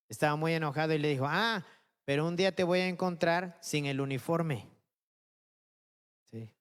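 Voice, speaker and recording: A man's voice: on the high side, clean tone. A man preaching a sermon as pastor, who keeps checking in with his listeners and asks rhetorical questions.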